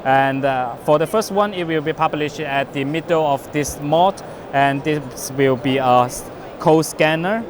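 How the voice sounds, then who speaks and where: Amid trade show floor noise, a man whose first language isn't English gives an unscripted demonstration of his company's product. He talks haltingly in broken phrases, his voice on the high side.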